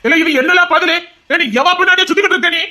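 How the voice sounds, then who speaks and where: An actor playing a stern middle-aged father who scolds his son about marriage in a fast, insistent voice. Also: extremely high pitch, fairly even intonation, bright, forceful tone, heavily acted. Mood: exasperated. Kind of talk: amateur audio drama.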